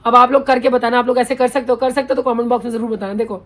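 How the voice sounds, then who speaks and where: A woman's voice: a little high, fairly even intonation. A woman, chatting bluntly and readily as she reads viewer comments in a home vlog. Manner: talkative, blunt, quick-tongued. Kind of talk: casual chat.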